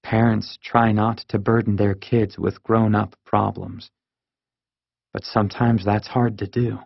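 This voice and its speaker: A weary, gentle father from a children's storybook, spoken by a man reading aloud. He talks softly and evenly in a low, gravelly voice with a husky edge. The sound is dry and slightly dull. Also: level tone, no echo. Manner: soft-spoken and measured. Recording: dull lo-fi audiobook recording.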